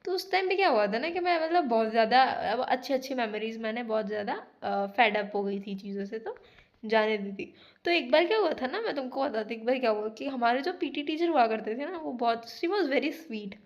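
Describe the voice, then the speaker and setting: A woman's voice: fairly high pitch, fairly quick, muffled recording. A young woman vlogging casually, telling a personal story in a chatty way, dropping English phrases and saying "like" often. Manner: chatty, mixes in English phrases, says "like" a lot.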